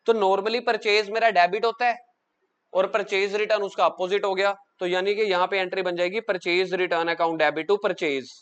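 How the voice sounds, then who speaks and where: A man teaches an accounts class in a high, smooth and resonant voice. He fires quick questions at the students and coaxes answers out of them. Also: a bit bright. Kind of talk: classroom lecture.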